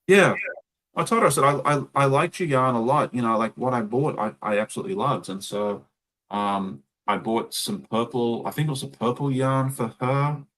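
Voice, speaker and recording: Medium in pitch and a bit bright, his voice moves at normal speed, in a rough recording. He's an Australian host chatting casually as he sews, rambling through stories with plenty of ums.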